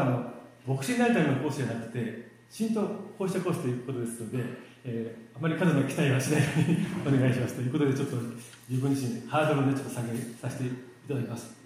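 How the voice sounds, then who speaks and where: A man giving a church sermon in a relaxed, self-deprecating, joking way, with many fillers and pauses. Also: medium pitch. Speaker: lay preacher. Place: church hall. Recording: very echoey hall.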